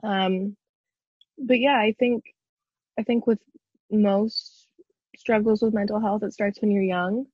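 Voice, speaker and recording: A young adult woman, a guest in a casual interview, talking hesitantly with frequent pauses over low-quality video-call audio. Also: steady tone, a little mellow, breathy edge, no room sound, highs cut off.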